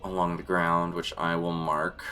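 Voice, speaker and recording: A man running a tabletop game as game master, setting scenes in a deliberate, descriptive way. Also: low-pitched, little pitch movement, sharp tone. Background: background music.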